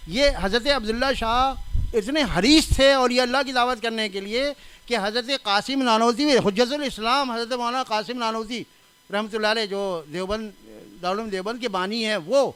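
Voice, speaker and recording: A man's voice: extremely high pitch, a bit bright, smooth. An older man gives a conversational sermon, full of anecdotes and pointed corrections of pronunciation. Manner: laughs at his own anecdotes. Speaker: religious scholar giving a reform talk.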